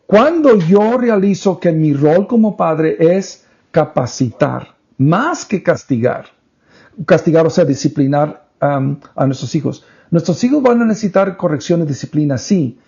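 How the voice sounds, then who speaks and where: A man's voice: fairly high pitch, lively intonation, measured pace, gravelly, a little mellow. A man co-hosting a faith-based parenting podcast, speaking in an earnest, teaching way and slipping English words into his talk. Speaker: podcast co-host. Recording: dull lo-fi podcast audio.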